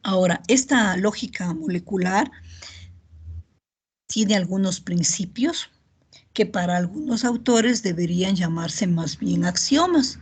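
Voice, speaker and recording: Woman lecturer, middle-aged, slightly breathy voice, patient online-class delivery. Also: medium pitch. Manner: checks in often with "¿ya?" and "¿verdad?"; steady explanatory pace with filler pauses. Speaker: university lecturer.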